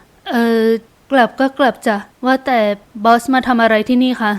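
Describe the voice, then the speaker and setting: A woman's voice: on the high side, fairly even intonation, normal speed, natural voice. A woman voicing a proud young single mother who speaks firmly with a hard edge. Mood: stern. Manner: firm, hard-edged.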